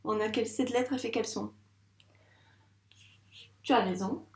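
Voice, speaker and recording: A woman teaching a child to read, slowly and patiently stretching out each letter sound and syllable. Her voice sits a little high, and the small room around her has a noticeable echo. She talks gently, as if guiding one child through the page. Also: far from the mic. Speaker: first-grade teacher. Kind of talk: reading lesson for young children. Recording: echoey room.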